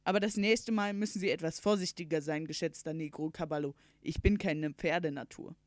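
A woman voicing a jolly, eccentric middle-aged uncle in a storybook reading, loud and boisterous. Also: low voice, fairly quick, dry recording, clean studio sound, natural voice. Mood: admonishing.

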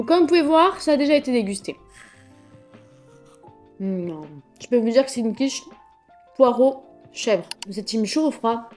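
A woman's voice: a little high, darkish tone. Chatty woman vlogger, stuffy nose. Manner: chatty, slangy, exclaiming. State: stuffy nose, throat congested. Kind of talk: casual vlog chat.

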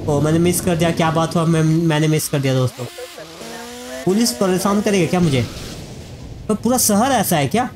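Chatty high-voiced man narrating gameplay. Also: normal speed, pauses often, noisy background. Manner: chatty, addresses viewers as friends. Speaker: gaming YouTuber. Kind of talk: casual let's-play commentary.

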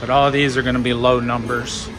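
Over loud casino machine music, a slot vlogger gives his friend live, casual coaching in short bursts, counting and urging the game forward on the indoor casino floor. His mid-range voice barely moves in pitch and runs a little fast, and the recording is low quality.

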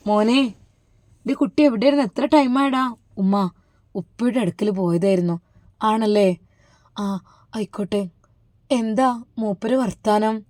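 A woman with a Malappuram accent voicing an emotional, doting mother in a soft, affectionate, higher voice. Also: unhurried, long pauses, dry recording, studio quality, close to an everyday voice. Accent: Malappuram Malayalam.

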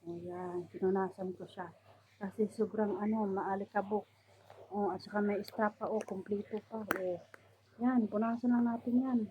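A woman's voice: medium pitch, steady tone, moderate pace. Woman from the Philippines, casual vlogger, lots of fillers, tinny phone-quality recording. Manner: chatty, many fillers, showing items to camera. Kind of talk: casual vlog. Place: indoors, room of a household abroad. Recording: tinny phone-like sound, faint noise.

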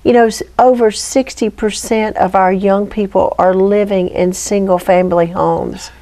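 A woman's voice: medium pitch, steady tone, normal speed, warm tone. Earnest preacherly woman guest. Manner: earnest, preacherly, rising to pleading near the end. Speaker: guest, ministry founder.

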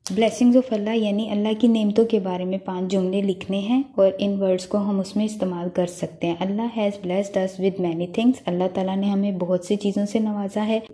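A woman teacher, working through a textbook lesson. She reads each English line slowly, then translates it quickly and spells words out letter by letter. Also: mid-range voice, warm tone.

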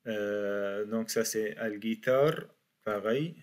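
A man teaching a beginners' class in French, slowly repeating each word for his students. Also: fairly low pitch. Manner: slow, repeats words for learners. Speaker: Arabic teacher. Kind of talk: university language lesson.

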